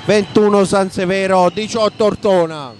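A man with an Italian accent giving live basketball play-by-play commentary from a sports hall, raising his voice excitedly at big plays. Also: sits high, moderate pace. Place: indoor basketball arena. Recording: noisy sports hall ambience.

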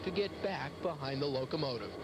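A man's voice: lively intonation, fairly quick. A man in his thirties narrating a scripted television news report as the reporter. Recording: noisy VHS newscast with vehicle rumble.

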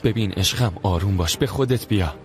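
A man's voice: on the low side, faint music behind, natural voice. A man dubbing a doting young husband who speaks in coaxing, affectionate tones in a drama. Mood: soothing. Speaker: dubbed actor playing a doting husband. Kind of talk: Persian dub of a drama series.

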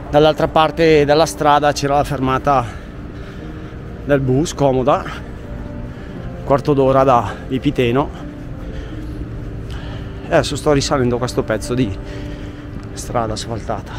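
A man's voice: medium pitch, fairly even intonation, unhurried, long pauses, soft background music. Man vlogging on a mountain hike. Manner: chatty, thinking aloud while walking. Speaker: hiking vlogger. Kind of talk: casual hiking narration to camera. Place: outdoors on a mountain road and forest trail. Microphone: camera carried while hiking.

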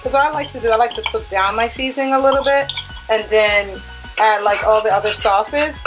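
A woman at her kitchen counter and stove, narrating a casual cook-along with an upbeat, chatty manner. Her voice sits in a middle range, picked up by a camera on the counter. Soft music plays faintly behind her. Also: medium pitch. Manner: chatty, upbeat, talks through each step. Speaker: cooking vlogger.

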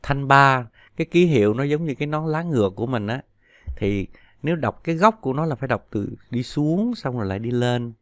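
Male language teacher, mid-pitched, patient, stretches example syllables; dry recording. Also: lively intonation, no room sound. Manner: patient, drawn-out model syllables. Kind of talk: explaining pronunciation lesson.

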